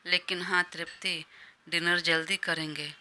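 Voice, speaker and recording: A woman's voice: fairly low pitch, little pitch movement, a little slow, bright, forceful tone. A woman voicing a caring, indulgent young male boss in an audio drama. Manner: indulgent, obliging.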